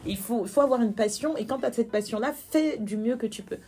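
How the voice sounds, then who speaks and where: A young woman in a candid personal interview, speaking earnestly and growing animated when she recounts, repeating words for emphasis. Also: on the high side, fast talker, slight background noise.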